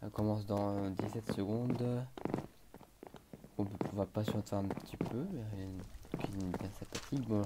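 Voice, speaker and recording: Slow, hesitant man commentating a game. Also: lowish voice, fairly even intonation, very noisy. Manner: hesitant, many fillers, talks to himself, bursts of panicked exclamations. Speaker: gaming YouTuber. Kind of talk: casual gameplay commentary.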